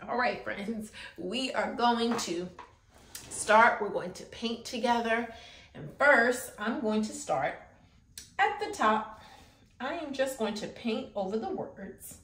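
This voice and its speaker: Speaking slowly in a slightly high, somewhat bright voice, the teacher guides little ones through an art activity. She's a woman in her thirties who encourages the children and checks in with frequent questions, and the small indoor room echoes around her.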